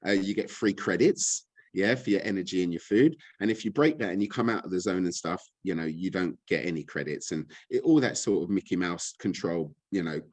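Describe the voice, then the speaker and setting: A deep-voiced man, a guest speaker on money and gold, rants in a brisk, blunt, frustrated and impassioned way. It's casual talk with no room sound.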